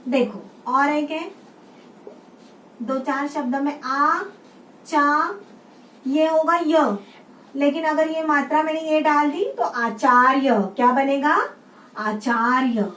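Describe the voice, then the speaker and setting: A woman's voice: high-pitched, fairly even intonation, slow, pauses often, fairly bright tone. A woman teaching a class of young children, patiently repeating each word and quizzing the class on it. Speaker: schoolteacher. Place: room with a writing board. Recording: roomy sound, mic set far off, faint background hum.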